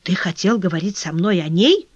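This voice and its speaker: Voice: medium pitch, animated, moderate pace, no echo, close to an everyday voice. A narrator voicing an anxious young male workman in an audiobook, speaking in urgent, pleading exclamations. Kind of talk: audiobook character voice. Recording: dull dry lo-fi recording.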